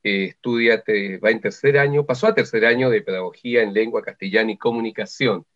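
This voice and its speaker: A man's voice: on the low side, brisk, fairly bright tone. A man hosting a university radio interview, upbeat and chatty. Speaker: radio host. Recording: slightly dull lo-fi sound.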